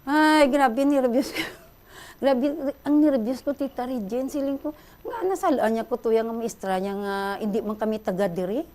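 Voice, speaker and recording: A middle-aged Filipina with a Hiligaynon accent, calling in to a radio show and excitedly retelling a story. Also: female voice, on the high side, normal speed. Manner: excited, breathless retelling, addresses host often. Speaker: caller.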